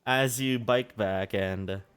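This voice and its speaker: A man working as game master, casually narrating a tabletop role-playing game in halting, improvised phrases. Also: fairly low pitch, fairly bright tone, clear, resonant tone. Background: background music.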